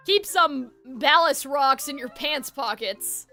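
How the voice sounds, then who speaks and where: A woman's voice: sits high, animated, slow, sharp tone, soft background music, pitched below the performer's own voice, exaggerated voice. A woman voicing a grumpy, skeptical teenage beastman in a game, speaking dryly and curtly.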